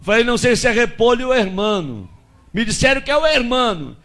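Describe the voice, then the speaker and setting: A Brazilian man preaching as a pastor, telling a testimony with lively acted-out dialogue and shouted peaks. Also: extremely high pitch, a little fast. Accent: Brazilian Portuguese. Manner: animated storyteller acting out dialogue, shouting at peaks.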